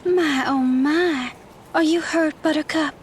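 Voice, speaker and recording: An actress playing a playful, mysterious all-seeing fortune teller in a video game, with a theatrical, coy, mystical manner. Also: female voice, high-pitched, slow pace, slight background noise. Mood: doting. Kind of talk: video game character acting.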